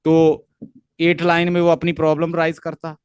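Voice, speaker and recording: A man's voice: a little high, monotone, normal speed, a little mellow, smooth, dry recording. A man with a Pakistani accent giving an online literature lecture, explaining step by step, repeating points and mixing English terms into his speech. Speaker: literature teacher.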